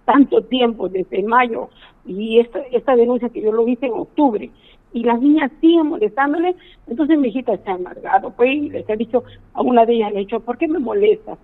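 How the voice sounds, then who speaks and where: Calling a radio program by phone, a middle-aged woman airs a complaint, sounding indignant and pleading as she recounts what happened. She speaks a little fast at a fairly high pitch, and the line is tinny.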